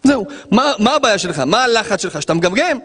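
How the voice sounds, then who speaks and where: A man, a rabbi, giving an animated Torah lesson, acting out scenes and firing rhetorical questions at listeners. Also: sits high, slightly rough, in a large hall.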